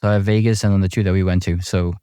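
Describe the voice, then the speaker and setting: A middle-aged man with a low, mellow voice talks easily, his words full of fillers and little restarts. The sound is dry and close, with no room around it. He tells his stories at an unhurried, conversational pace. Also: smooth, no echo. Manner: relaxed storytelling with many fillers and restarts. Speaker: amateur golfer guest. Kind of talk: casual chat.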